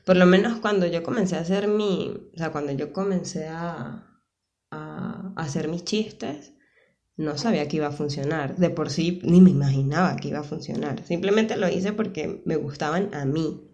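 A woman's voice: deep voice, moderate pace, a little mellow, dull audio. A young Venezuelan woman, a comedian guesting on a podcast, chatting easily and laughing often. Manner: laughing, easygoing. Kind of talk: casual chat.

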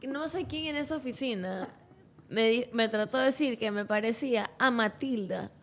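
A woman's voice: a little high, moderate pace. A young adult woman co-hosting a casual podcast, giggly and full of questions. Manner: giggly, questioning, sings little tunes. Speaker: podcast co-host.

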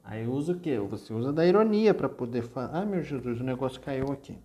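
Chatty Brazilian teacher in an echoey room. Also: male voice, mid-range voice, very animated, brisk, mellow. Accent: Brazilian Portuguese. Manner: chatty, digressive, self-correcting. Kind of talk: online literature lesson. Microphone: video call.

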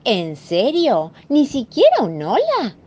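A woman's voice: on the high side, wildly swooping pitch, slow, darkish tone, slight background noise, pitched above the performer's own voice, full character voice. A woman voicing a polite lady with a Rioplatense accent, indignant and scolding a rude monster, on a dull lo-fi recording. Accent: Rioplatense Spanish. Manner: shocked, scolding.

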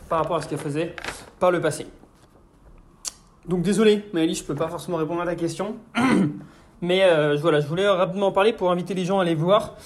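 A young man hosts a casual solo podcast and works through listener questions. His voice sits high for a man. He talks in a relaxed, hesitant way, full of fillers and restarts.

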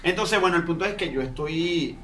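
A man's voice: on the high side, fairly quick, fairly bright tone, slight background noise. A man from Venezuela with a Venezuelan accent, telling a long story in a casual, slangy way and often restarting his sentences. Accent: Venezuelan Spanish. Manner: rambling, restarts mid-phrase, slangy. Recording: roomy distant mic, faint ambience.

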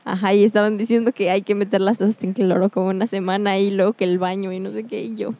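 A woman's voice: medium pitch, little pitch movement, quick pace, warm tone. A woman, chatting casually, giggling and rambling as she recalls a story, with bits of English mixed in. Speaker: podcast co-host. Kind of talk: casual chat.

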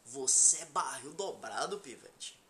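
A Brazilian man with a Bahian Salvador accent hosts a casual, joking podcast chat. His voice is bright and swings animatedly up and down. He leans on street slang and swearing, with some noise behind him. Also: medium pitch, expressive, a little slow. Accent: Brazilian Portuguese, Bahian from Salvador. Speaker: podcast host.

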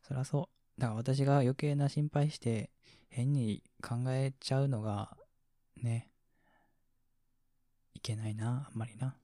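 A man with a Kansai accent hosting a relaxed late-night sleep radio show, reading listener comments in a soft, mumbly, slightly slurred voice that chuckles quietly and drifts into near-whispers. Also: mid-range voice, no room sound, clean studio sound. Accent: Kansai Japanese.

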